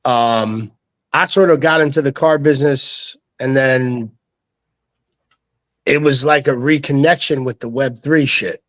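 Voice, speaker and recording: A man's voice: medium pitch, unhurried, fairly bright tone. A young man, a guest telling loose, slangy stories and quoting people as he goes. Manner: loose, slangy, quotes others in voices. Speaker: guest, NFT co-founder. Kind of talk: casual storytelling.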